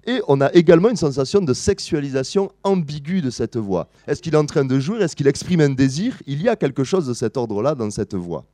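A man giving an academic lecture to a live audience, explaining his analysis step by step, pausing with fillers and correcting himself. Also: mid-range voice, sing-song, warm tone, dry recording, clean studio sound. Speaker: musicology lecturer.

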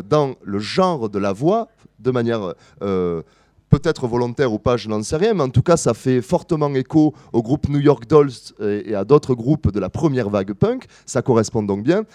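A male lecturer presenting his analysis to an audience, his pitch rising and falling with a lot of movement. His tone is warm and mellow, and the recording is dry and close. He explains patiently, stopping now and then to correct himself. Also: no echo. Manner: explanatory, pauses with fillers and self-corrections. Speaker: musicology lecturer. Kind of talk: academic presentation to a live audience.

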